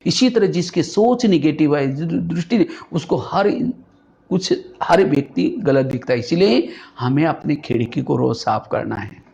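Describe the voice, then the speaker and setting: A man's voice: fairly high pitch, animated, unhurried, creaky, a little mellow. A man giving a spiritual talk, telling stories and asking rhetorical questions. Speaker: spiritual speaker. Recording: dull lo-fi recording.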